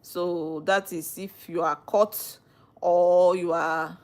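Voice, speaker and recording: A woman's voice: fairly low pitch, fairly even intonation, takes it slowly, a little mellow. A woman with a Nigerian accent, a lawyer talking on a live stream, who explains with earnest repetition. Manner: earnest, repeats phrases while explaining. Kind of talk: live-stream talk answering viewers.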